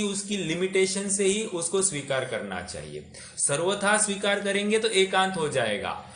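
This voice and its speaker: A man's voice: high-pitched, fairly bright tone, reverberant, a little hiss or hum. A man teaching a scripture class, explaining patiently, putting questions to his listeners, and mixing English words into his talk. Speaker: religious teacher.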